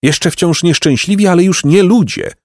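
A man's voice: sits high, normal speed, darkish tone, no room sound, clean studio sound, pitched above the performer's own voice. A man voicing a tormented old man of gold in an audiobook, speaking in exclaiming, sighing tones and a heated near-whisper. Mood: grave. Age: older. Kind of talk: audiobook character reading.

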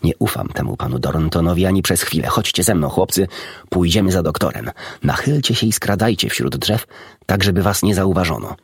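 A man's voice: low-pitched, sing-song, a little fast, vocal fry, breathy edge, no echo, clean studio sound, heavily acted. A man voicing an agitated, hot-tempered cat's-meat man who rants with indignation. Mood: urgent. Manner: indignant, outraged ranting.

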